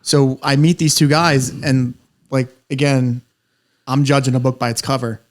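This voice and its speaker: A man's voice: medium pitch, steady tone, normal speed. A man telling rambling, profane stories in casual podcast chat, laughing as he goes. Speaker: podcast co-host.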